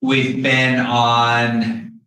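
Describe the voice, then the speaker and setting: Man, voice through a face mask, slow halting official presentation, very echoey meeting room, distant mic. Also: medium pitch, completely flat delivery, pushed and bright. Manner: hesitant, with long pauses and frequent throat clearing. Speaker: school district official presenting to a board.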